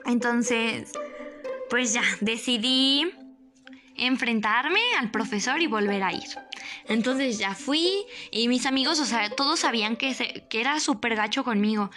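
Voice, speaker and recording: A young woman with a Mexican Spanish accent telling a personal story in a casual, animated, dramatic way. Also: measured pace, faint music behind. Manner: animated, dramatic, jumps up in pitch for emphasis.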